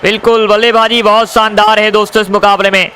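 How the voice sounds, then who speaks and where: High-pitched excited male cricket commentator. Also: quick pace. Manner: addresses viewers as friends, repeats stock phrases. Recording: crowd and noise behind the voice.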